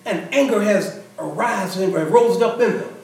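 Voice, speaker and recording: A man's voice: high voice, normal speed, darkish tone. A middle-aged man preaching a sermon to a congregation in a conversational way, often repeating and restarting phrases. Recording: echoey hall, far mic, congregation.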